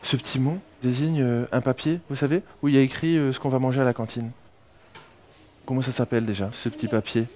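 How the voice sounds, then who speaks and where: A woman's voice: extremely low pitch, fairly even intonation, fast talker, dark tone. A woman teacher in a classroom with a French Polynesian accent, patiently prompting young pupils syllable by syllable. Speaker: kindergarten teacher.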